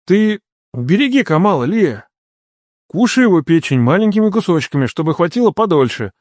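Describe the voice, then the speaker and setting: A man's voice: sits high, sing-song, moderate pace, darkish tone, no room sound, clean studio sound, voice pushed up. A male reader voicing a blunt, demanding young man who guards his sister. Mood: stern. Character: stern protective older brother, young man. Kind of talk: audiobook character voicing.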